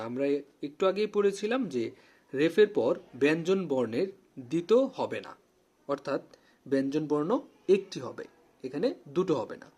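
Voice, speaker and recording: A man with a slightly raised, husky voice teaches a spelling lesson. He reads out word lists at a slow, deliberate pace, repeating words for emphasis, his pitch rising and falling freely. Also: darkish tone.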